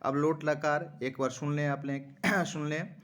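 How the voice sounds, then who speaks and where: A man teaching Sanskrit grammar, slowly reciting verb forms one after another and speaking directly to his students. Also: fairly high pitch, fairly even intonation, a bit bright. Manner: slow, measured recitation of lists, addressing students directly. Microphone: phone screen recording.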